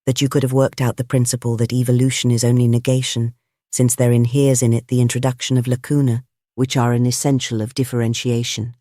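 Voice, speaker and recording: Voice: mid-range voice, flat delivery, fairly quick, dark tone, no echo, studio quality, close to an everyday voice. An audiobook reader voicing a pompous older male professor who speaks in a sneering, pedantic way. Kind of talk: audiobook character reading.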